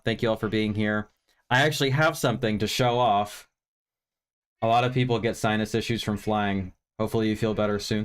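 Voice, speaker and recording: This man's voice sits lowish, clear and resonant. He is a Virginia-based American who hosts film reviews on a livestream, sounding tired as his sinus congestion clears, and he rambles casually and candidly, making fun of himself and swearing occasionally.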